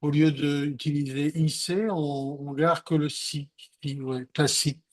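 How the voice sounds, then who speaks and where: A man's voice: a little high, fairly even intonation, unhurried, a little mellow. A man taking part in an online Hebrew class as a student, working through the rule aloud and checking it with the teacher. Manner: asks and confirms, thinks aloud. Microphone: video call.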